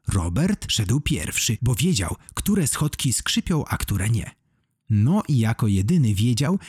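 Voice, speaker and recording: A man reads a children's story with a lively, animated lilt. His voice is husky, and the recording is close and dry with no room at all. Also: mid-range voice, no room sound. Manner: expressive storytelling. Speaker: audiobook narrator. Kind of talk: children's audiobook reading.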